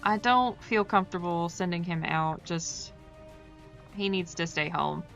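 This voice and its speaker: Woman streamer, bright voice, dull lo-fi mic, game music underneath; chatty, self-deprecating. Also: fairly low pitch, a little slow, creaky. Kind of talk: casual gameplay commentary.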